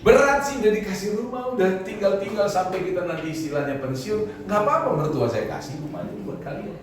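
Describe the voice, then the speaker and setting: A middle-aged male pastor gives a chatty, story-driven sermon and acts out the voices of the people he quotes. His voice rings through a very reverberant church hall from a distance, with clear noise beneath. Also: high-pitched, fast. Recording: echoey hall, voice from far off.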